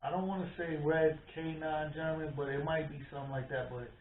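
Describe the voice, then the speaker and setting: A man tells stories as a podcast co-host, acting out every quote. His voice sits a little high. It sounds boomy and tinny, as if picked up across an echoing room. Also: brisk, slight background noise. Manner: animated storyteller, acts out quotes. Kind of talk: casual chat. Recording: echoey room, tinny phone-like sound, from far off.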